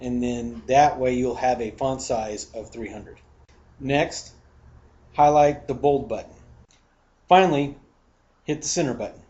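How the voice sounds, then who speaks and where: A middle-aged man giving parents casual, folksy tips on teaching children numbers, often restarting his phrases. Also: medium pitch. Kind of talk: casual instructional demonstration. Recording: roomy echo, off-mic, faint hiss.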